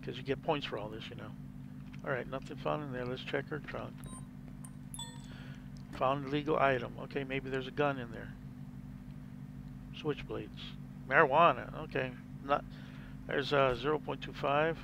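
A man's voice: medium pitch, fairly even intonation, normal speed, creaky, pauses often, muffled recording, noisy background. A man hosting a gameplay video, explaining casually and rambling as he plays. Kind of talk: casual game commentary.

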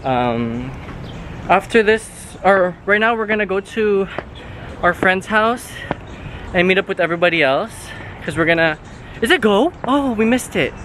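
A man's voice: sits high, lively intonation, a little slow, fairly bright tone, slight background noise. A young man vlogging casually on a city street, rambling and swearing, with a handheld camera and music playing behind. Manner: rambling, profane, self-mocking. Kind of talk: casual vlog chatter. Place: city street outdoors, walking.

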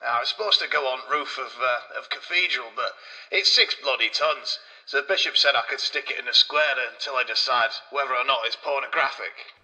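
A man's voice: mid-range voice, fairly quick, sharp tone, low-quality recording. A man voicing a coarse, boastful male Renaissance sculptor, rambling crudely.

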